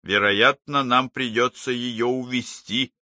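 A man voicing a calm, persistent male psychologist who gently coaxes a troubled patient in an audiobook. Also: medium pitch, slow, dry recording, clean studio sound. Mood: coaxing.

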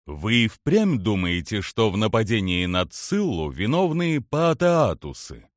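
A man reading the lines of a calm, analytical alien male commander in an audiobook, measured and precise. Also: fairly low pitch, no room sound, studio quality. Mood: calm, composed.

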